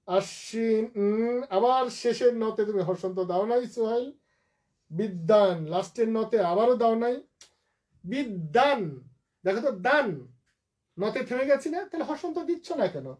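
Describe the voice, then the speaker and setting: A man teaching a live online class, patiently repeating each word slowly to drill its pronunciation. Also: high-pitched, darkish tone. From Bangladesh.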